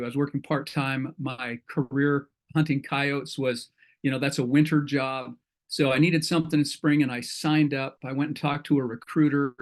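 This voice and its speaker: Folksy middle-aged man hosting a meetup. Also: medium pitch. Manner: folksy, rambling, with self-corrections and asides. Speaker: host of an entrepreneur meetup. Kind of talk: casual talk to an online group.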